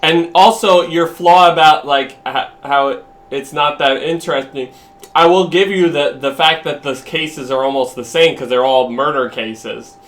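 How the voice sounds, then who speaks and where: A man's voice: on the high side, a little slow, a bit bright. A man streaming, arguing casually and emphatically with a friend and swearing freely.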